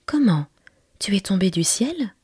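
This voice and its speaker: A woman voicing a curious, earnest little boy prince from a tiny planet in whispered role-play, raising her voice higher into an eager childlike half-whisper. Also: sing-song, a little slow, dark tone, breathy edge, no echo, studio quality, exaggerated voice. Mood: amazed.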